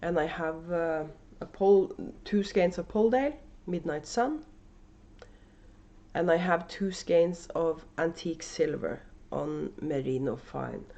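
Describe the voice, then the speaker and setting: Hosting a knitting video podcast from her home, a woman with a Norwegian accent chats casually and unscripted, full of fillers and restarts. Her low, warm voice carries vocal fry at a measured pace, and the camera microphone leaves the audio dull.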